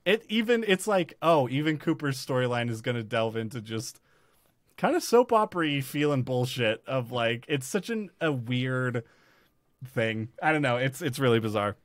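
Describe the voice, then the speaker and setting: A man's voice: mid-range voice, sing-song, normal speed, no room sound. Podcast host guy rambling along, full of likes and ums, dry close sound. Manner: rambling, filler-heavy, with many restarts. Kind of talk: casual chat about a TV series.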